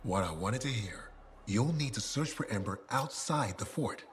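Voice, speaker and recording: An actor voices a boastful showman in video game dialogue: a craftsman who sells custom weapon decals and rattles off colorful, salesy patter. His lowish voice is animated and close to everyday speech, at normal speed, with slight hiss or hum.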